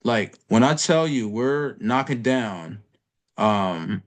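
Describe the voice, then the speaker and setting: This trading teacher has a mid-range voice with lively intonation and a slow pace. Running an informal screen-share lesson, he talks bluntly, curses, leans on street slang, and addresses his viewer as "bro."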